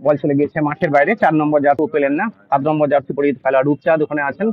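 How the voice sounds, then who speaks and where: A man with a Bengali accent giving live football commentary in an excitable, frantic way as play builds. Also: on the high side, rapid-fire, phone-quality sound.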